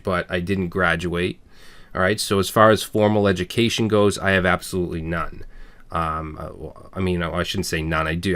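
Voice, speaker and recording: A man in his thirties with a Boston accent hosts a programming channel, speaking to viewers candidly and earnestly in plain terms. His low-pitched voice is a bit bright, clear and resonant, and he often says "all right" and "um."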